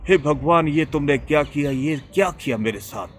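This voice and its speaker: A man's voice: fairly high pitch, moderate pace, pitched above the performer's own voice, lightly acted. A man voicing an emotional middle-aged merchant father who wails and exclaims. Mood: wailing. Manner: wailing, exclaiming.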